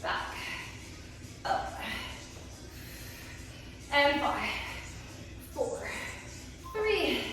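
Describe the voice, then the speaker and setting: A woman with a high voice leads a workout from a little way off in a very echoey hall. She gives short, unhurried cues and counts, encouraging the class while puffing from her own effort. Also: sing-song, fairly bright tone. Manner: encouraging, working out along with viewers. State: exerting, puffing between sets. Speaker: fitness instructor. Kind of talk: workout coaching, counting and cueing. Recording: echoey hall, distant microphone.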